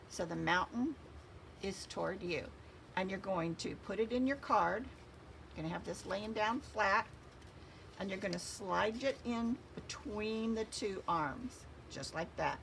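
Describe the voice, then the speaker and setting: A woman with a slightly gravelly, mid-pitched voice walks through a craft project step by step. She gives instructions as she works with her hands, and faint noise hums behind her. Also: fairly bright tone. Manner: instructive, talks while working with her hands. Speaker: craft tutorial host.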